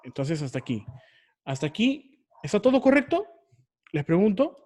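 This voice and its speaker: A man's voice: sits high, sing-song, moderate pace, darkish tone. A man teaching an online research class, explaining step by step and often repeating or correcting himself.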